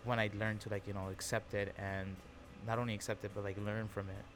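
A man's voice: lowish voice, level tone, a little fast. Guy in his 20s just chatting on a podcast, kinda rambly, music in the background. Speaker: podcast host. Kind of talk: casual podcast chat.

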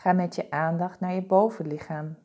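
A woman guiding a body-scan meditation with slow, soothing, calm instructions. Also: on the low side. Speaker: meditation guide.

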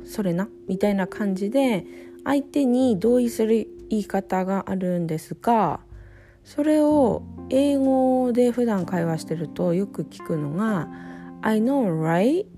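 A woman hosting a casual bilingual podcast lesson, chatty and unhurried, explaining with many fillers. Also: medium pitch, creaky. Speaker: podcast host, English teacher. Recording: music playing behind the voice.

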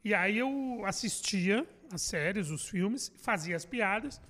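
A man's voice: sits high, animated, slow, a bit bright, long reverb tail. A middle-aged man, a comedy writer and guest, chatting casually and swearing freely as he acts out the reactions he quotes. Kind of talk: casual podcast chat.

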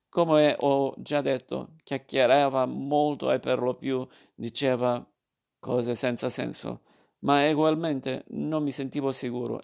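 A man narrates a literary story in a measured, plain reading. His voice sits at a middling pitch, with a gravelly, creaky texture running through it. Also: darkish tone.

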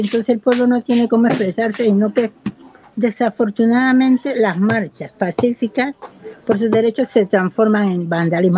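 The recording is dull with a little hiss or hum, carrying a mellow, medium-pitched female voice. She is a Buenaventura, Colombia resident in her fifties, offering impassioned, earnest interview testimony about her life and her community.

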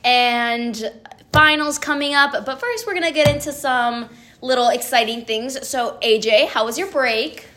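A young woman from Honduras chats on a student podcast with a bright, fairly high voice. She is upbeat and teasing and laughs easily. The room adds a clear echo. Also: unhurried. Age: young adult. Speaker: podcast co-host, student community leader. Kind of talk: casual podcast chat. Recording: echoey room.

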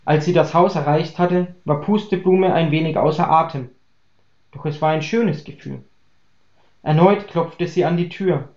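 A man reading a German story aloud in a calm, even audiobook voice. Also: fairly high pitch, a little slow. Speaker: story reader. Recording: roomy, dull lo-fi recording.

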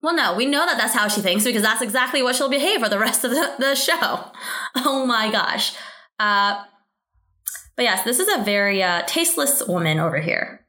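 A woman co-hosting a podcast, recapping a drama in a casual, animated way with incredulous asides. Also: fairly high pitch, moderate pace. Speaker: podcast co-host. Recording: roomy echo.

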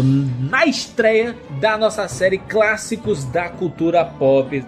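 A Brazilian man hosting a casual podcast in an enthusiastic, slangy way. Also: sits high. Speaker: podcast host. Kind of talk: lively casual podcast presenting.

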